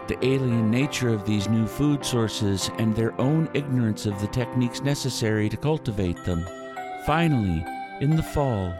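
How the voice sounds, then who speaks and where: A man playing a solemn historical documentary narrator, earnest and measured in scripted storytelling. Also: medium pitch, lightly acted. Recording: narration over clear background music. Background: music.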